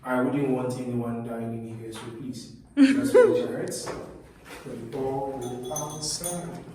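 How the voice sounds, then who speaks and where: A man working as a tour guide, explaining in a measured, instructive way inside a stone dungeon with a cave-like echo. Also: mid-range voice, wildly swooping pitch, warm tone. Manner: measured, instructive, gives directions to visitors. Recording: echoey, distant, noisy stone room.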